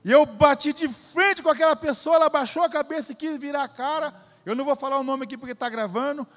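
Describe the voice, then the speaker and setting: A man's voice: very high-pitched, fast, fairly bright tone, in a large hall. A Brazilian man preaching a sermon, emphatic and repetitive, calling the congregation "dear". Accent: Brazilian Portuguese. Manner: emphatic, repeats phrases, addresses crowd as "querido". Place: church.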